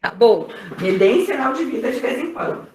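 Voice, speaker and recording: A woman's voice: on the high side, lively intonation, normal speed, a little mellow. A woman with a Brazilian Portuguese accent teaching an online microbiology class, explaining step by step, asking rhetorical questions and checking in with her students. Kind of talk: online lecture. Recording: echoey room.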